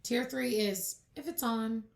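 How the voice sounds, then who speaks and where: A woman's voice: on the high side, a little slow, vocal fry. Casting: chatty woman, podcast co-host, upbeat and talkative. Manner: chatty, enthusiastic, laughs often. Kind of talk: casual chat.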